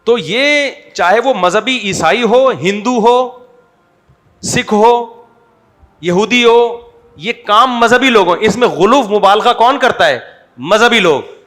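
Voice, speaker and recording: A man giving an informal religious talk with a hoarse voice, blunt and mocking, telling stories with animated swings between loud jabs and low asides. He speaks Urdu with a Pakistani accent. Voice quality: hoarse throat he calls swollen. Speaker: religious scholar.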